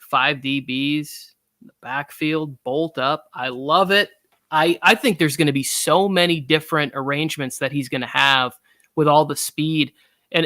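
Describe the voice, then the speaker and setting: A man's voice: on the high side, pushed and bright, no room sound, clean studio sound. A man co-hosting a live sports fan show, chatting casually in a rambling, upbeat way. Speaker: podcast co-host.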